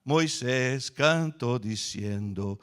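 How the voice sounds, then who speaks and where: A male pastor delivering an animated sermon in a church, shifting between hushed storytelling and loud emphasis. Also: medium pitch, very slow, clean tone. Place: church sanctuary.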